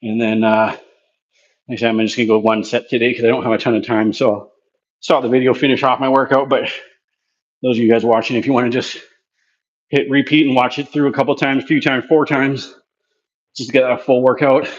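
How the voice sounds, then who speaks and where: A man's voice: mid-range voice, level tone, fairly quick, pauses often, highs cut off. A man casually talking through his gym workout between sets, winded from exercising. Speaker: physiotherapy clinic presenter demonstrating a workout. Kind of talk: casual workout demonstration vlog.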